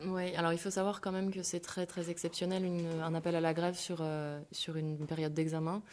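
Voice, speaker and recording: A woman's voice: on the low side, flat delivery, a little fast, a little mellow, slight background noise. A woman, a union representative, indignantly stressing how exceptional the strike is. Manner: indignant, emphatic. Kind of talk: interview statement.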